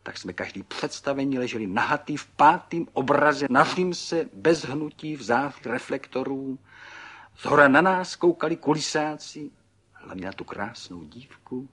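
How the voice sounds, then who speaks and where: A man's voice: mid-range voice, breathy edge, voice pushed up. A man reading an audiobook, voicing a small, cheerful older man who boasts proudly about his son and his own past. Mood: boastful. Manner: excited, boastful.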